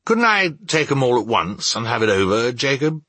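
A man voicing a frightened, pleading old man in a storybook reading, speaking in a timid, hurried, faltering way. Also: mid-range voice, animated, sharp tone, slightly rough, dry recording, pitched above the performer's own voice, full character voice. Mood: nervous, reluctant.

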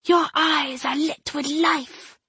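A woman's voice: sits high, fairly even intonation, takes it slowly, bright, forceful tone, no echo, voice pushed up, heavily acted. A woman voicing a seductive ancient female spirit bound in a gem, speaking in honeyed, possessive whispers. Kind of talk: audiobook character voice.

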